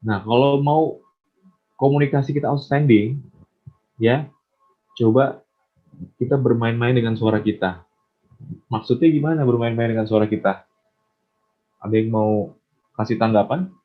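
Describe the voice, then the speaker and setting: A man's voice: mid-range voice, fairly even intonation, a little slow, pauses often. A man teaching public speaking in an online class, encouraging and asking his students questions. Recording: tinny phone-like line.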